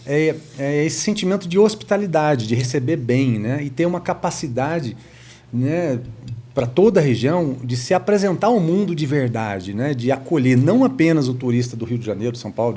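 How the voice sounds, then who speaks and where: A man's voice: a little high, very animated, a little fast, dark tone, husky. A man from Brazil, hosting a talk show in a chatty, enthusiastic way, with lots of rambling and tag questions. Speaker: host.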